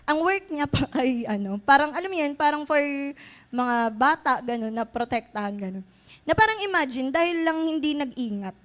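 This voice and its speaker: High-voiced young woman giving a chatty youth talk. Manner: chatty, many fillers, frequent "di ba?" asides, laughs often. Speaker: youth conference speaker. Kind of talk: casual Taglish church talk to youth.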